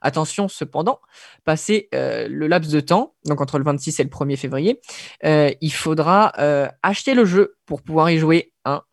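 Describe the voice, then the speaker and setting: A man's voice: fairly high pitch, moderate pace, creaky, no room sound, studio quality. A man presenting video game news on a radio show in a casual, hesitant way, with lots of fillers and wry asides.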